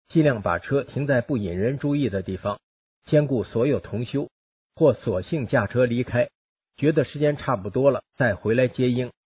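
A man reading a first-person account aloud in a steady, even narrating manner. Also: medium pitch, breathy edge, no echo. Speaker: reader of a personal testimony.

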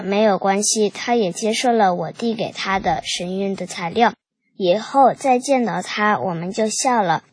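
A woman reads a first-person account aloud, keeping a steady, measured pace. Her voice is slightly breathy and sits in a middle pitch. It is recorded close and dry, with no room sound. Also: no echo.

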